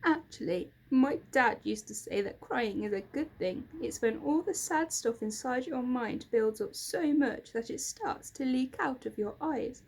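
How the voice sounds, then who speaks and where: A woman's voice: high-pitched, unhurried, hardly any pauses, darkish tone, slightly rough, exaggerated voice. A woman voicing Lucy, a brave, stubborn young girl in a storybook. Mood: earnest.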